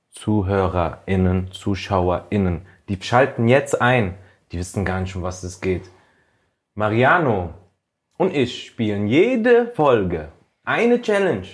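A young man co-hosting a podcast, playfully teasing his partner and stretching out words as he explains the rules. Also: lowish voice. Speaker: podcast co-host. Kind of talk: casual chat.

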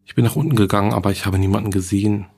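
A man's voice: lowish voice, steady tone, very fast, gravelly, a little mellow, breathy edge. A man reading the diary entries of a frightened young schoolgirl who writes to her dead mother.

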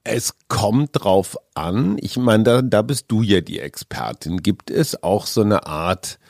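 Guy cohosting a chat, lowish voice, hesitant, keeps searching for words, dry sound. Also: lively intonation, slow pace, vocal fry, a little mellow, no echo. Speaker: podcast co-host. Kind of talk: casual conversational talk.

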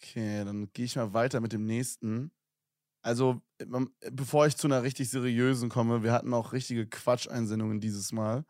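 A man's voice: mid-range voice, steady tone, moderate pace, darkish tone, dry recording, studio quality. A young man co-hosting a casual podcast, reading listener messages aloud with slang and laughs. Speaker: podcast co-host.

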